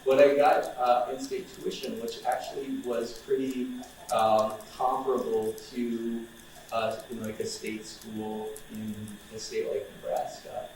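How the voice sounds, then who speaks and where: A man's voice: medium pitch, measured pace, recorded from a distance, slight background noise. Man giving an informal talk in an echoey room. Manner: relaxed and chatty, many fillers and restarts. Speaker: outreach coordinator speaking to students.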